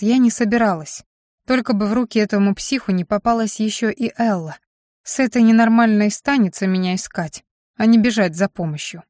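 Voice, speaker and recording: A woman's voice: medium pitch, a little mellow, dry recording, studio quality. Woman narrating a fantasy audiobook.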